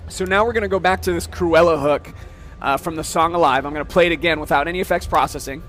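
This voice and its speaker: A man giving a casual, step-by-step software demo at a trade show, often checking in with "okay?". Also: on the high side, fast talker, soft background music. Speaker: software demonstrator.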